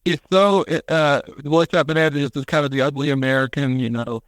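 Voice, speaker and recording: A man on a podcast, retelling a story in casual chat, animated and acting out quotes with casual swearing. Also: a little high, fairly quick, dry recording. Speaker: podcast co-host.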